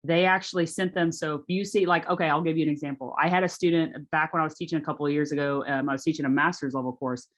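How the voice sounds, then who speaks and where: Chatty woman presenter, lowish voice. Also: steady tone, quick pace, hardly any pauses. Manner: chatty, conversational, lots of "like". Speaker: faculty workshop presenter. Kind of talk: casual presentation on a video call. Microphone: video call.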